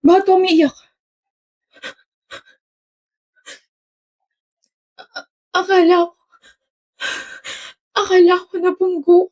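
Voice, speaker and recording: A woman's voice: on the high side, lively intonation, normal speed. A woman acting out a romantic skit, trading teasing, bickering lines. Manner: teasing, bickering back-and-forth. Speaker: skit actor. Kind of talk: scripted romantic skit dialogue.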